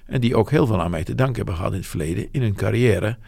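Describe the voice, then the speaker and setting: A man's voice: on the low side, rapid-fire, vocal fry, warm tone, dry recording. Older man in his seventies, rambling and frank, dry close sound. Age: 70s. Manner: rambling, frank, self-deprecating. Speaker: interviewee, business owner. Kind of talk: reflective interview talk.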